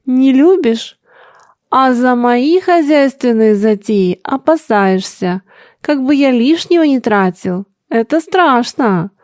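Woman doing an aging father, excitable, shrill when hurt, high-pitched, slow, dry close sound. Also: dry recording. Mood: teasing. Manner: emotional, by turns teasing and shrill.

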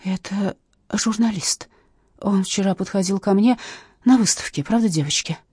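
A woman's voice: mid-range voice, lively intonation, fairly quick, dark tone, breathy edge, no room sound, studio quality, pitched above the performer's own voice. A woman voicing a timid young female artist who stammers and hesitates when questioned. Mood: flustered.

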